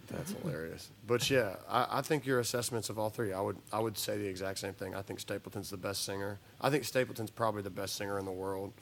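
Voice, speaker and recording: This is a man with a gravelly, fry-heavy voice that sits low. He talks in a relaxed, casual way over coffee, trailing off and restarting as he swears. He sounds like an easygoing singer-songwriter in conversation. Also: fast talker, hardly any pauses, slight background noise. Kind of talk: casual chat. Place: coffee shop.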